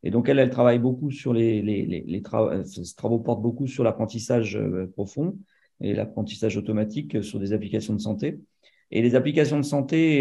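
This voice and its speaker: A man introducing a seminar speaker, halting, with many repeated words and fillers, over a video call. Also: medium pitch, creaky, mellow, slightly rough. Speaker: seminar host. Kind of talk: hesitant spoken introduction.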